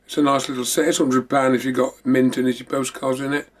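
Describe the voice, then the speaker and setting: Brisk and flat, a man's medium-pitched voice carries a casual show-and-tell chat on the memorabilia show he hosts. He rambles and keeps repeating himself.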